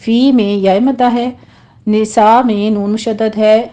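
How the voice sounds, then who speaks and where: Woman, tajweed teacher, patient instruction, corrects pronunciation, mellow voice. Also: fairly high pitch, fairly even intonation, lo-fi sound. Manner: models words, then corrects pronunciation. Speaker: Quran recitation teacher. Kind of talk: tajweed lesson.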